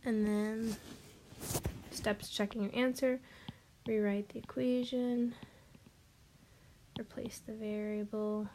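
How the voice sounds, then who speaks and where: A woman's voice: on the high side, little pitch movement, slow pace, pauses often, warm tone, slight background noise. A woman teaching a math lesson, walking through each step patiently with frequent ums, a bit out of breath. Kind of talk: recorded classroom lesson.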